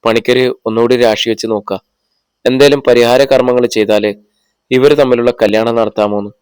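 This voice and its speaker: A man plays an anxious older matriarch in a storybook. She pleads and comforts in a motherly way. The voice is smooth and dry, with even pitch. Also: moderate pace, no echo, lightly acted. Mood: pleading.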